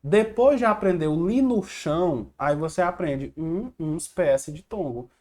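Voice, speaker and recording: A man's voice: a little high, measured pace, darkish tone. A man teaching an online exam-prep grammar lesson, talking over slides. He asks the viewer a question, then answers it himself. He drills catchy rhymes again and again. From Brazil.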